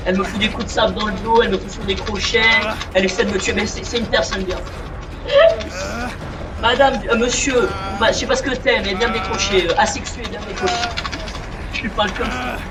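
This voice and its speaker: A man's voice: high voice, fairly even intonation, fairly quick, heavy background noise. A man giving casual, joking commentary while he plays a game, chatting to the characters on screen. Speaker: gamer. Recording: echoey, distant mic, game music. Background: game music.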